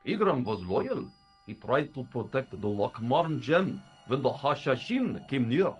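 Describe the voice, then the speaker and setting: An actor playing a pedantic, defensive professor in a video game, with wordy explanations. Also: male voice, mid-range voice, very animated, unhurried, slightly rough. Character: pedantic professor in a secret order.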